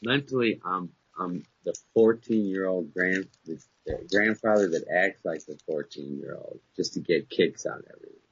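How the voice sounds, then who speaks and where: A male podcast co-host in his fifties speaks at normal speed with a low, breathy-edged voice and few pauses. He jokes, boasts, and tells animated stories in casual banter, heard through dull lo-fi audio.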